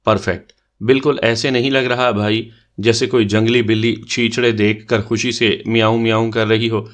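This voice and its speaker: Teasing his sister while hosting a party game, the mischievous young character is voiced by a man with a lowish, somewhat bright, natural voice and a level tone. The delivery is bantering and playful.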